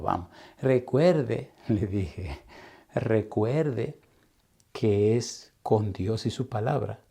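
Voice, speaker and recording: A man preaching as a pastor in Sabbath school, telling a story and acting out its dialogue, sometimes dropping to a hushed whisper. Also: fairly low pitch, creaky, breathy edge. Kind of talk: Sabbath school Bible teaching.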